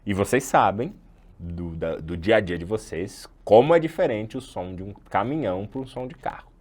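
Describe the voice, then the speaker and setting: Brazilian male instructor, lowish voice, chatty online lecture, loose explanations with self-corrections. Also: lively intonation, normal speed, darkish tone. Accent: Brazilian Portuguese. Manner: chatty and explanatory, corrects himself mid-sentence. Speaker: sound design instructor.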